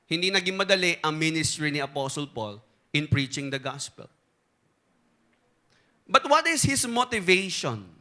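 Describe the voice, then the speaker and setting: A Filipino-accented man preaches, his high voice carrying a sharp, forceful brightness. He tells stories with animation and slips between Tagalog and English. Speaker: pastor. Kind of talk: sermon with a told joke.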